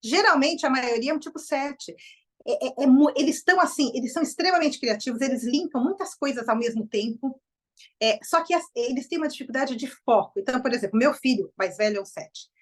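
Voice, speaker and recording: A middle-aged Brazilian woman gives an informal lecture, her words tumbling out at a quick clip. Her voice sits a little high, and she keeps things lively and animated for the group. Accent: Brazilian Portuguese. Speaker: enneagram presenter.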